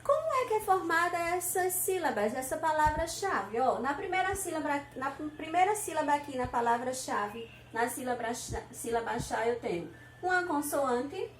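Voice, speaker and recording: A Brazilian woman teacher speaks to young children in a high voice, patiently repeating herself and sounding out syllables. The room echoes around her, with a faint hiss underneath. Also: sing-song. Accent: Brazilian Portuguese. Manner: patient, repeats points, spells out syllables slowly. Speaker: primary school teacher. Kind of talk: teaching a recorded class to children.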